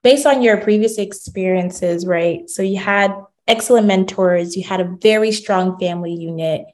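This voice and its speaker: A woman's voice: mid-range voice, normal speed, darkish tone. A woman hosting an interview, summarizing the guest's answers before asking her next question. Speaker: interviewer host. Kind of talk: casual interview conversation.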